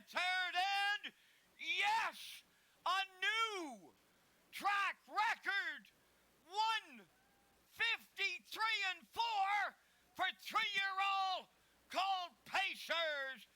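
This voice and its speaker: High-pitched man calling a harness race. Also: bright, forceful tone, no room sound. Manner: race caller delivery, emphatic. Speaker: race caller. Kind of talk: harness race call commentary.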